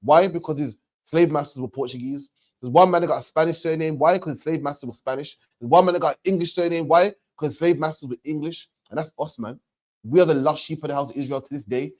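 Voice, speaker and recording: Street preaching to someone asking questions, this man explains faith in a fast, somewhat high, slightly mellow voice. The religious teacher drives his points home emphatically, restating them again and again and finishing phrases with "man."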